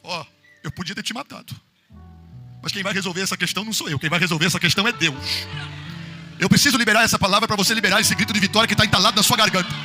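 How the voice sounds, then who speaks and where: A man with a Brazilian Portuguese accent preaches a fervent Pentecostal sermon in a very high, piercingly bright voice. He swings from hushed storytelling to shouted, half-sung cries. Faint music plays underneath. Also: very fast. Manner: impassioned, building to shouts and sung phrases. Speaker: pastor.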